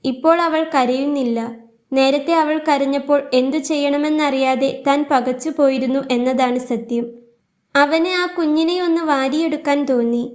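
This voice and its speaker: A woman narrating a scripted story in a calm, even storytelling manner. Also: sits high, moderate pace.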